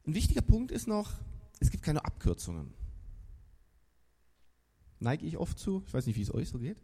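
A man's voice: on the high side, huge pitch swings, normal speed, dark tone, slightly rough. A man preaching a sermon at a church service in a casual, enthusiastic and slangy storytelling way. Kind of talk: lively sermon.

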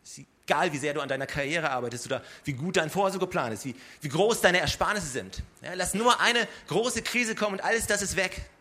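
A man delivers a sermon in a relaxed, conversational tone. His voice sits a little high and sounds bright and forward. He keeps turning to the listeners with direct rhetorical questions. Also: brisk, few pauses. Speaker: pastor.

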